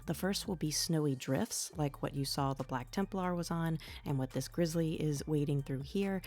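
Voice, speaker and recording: Tutorial host: low-voiced woman, hoarse from a cold, speaking softly and calmly. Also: normal speed. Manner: soft, low-volume delivery. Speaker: miniature painting tutorial host. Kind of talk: hobby tutorial voice-over.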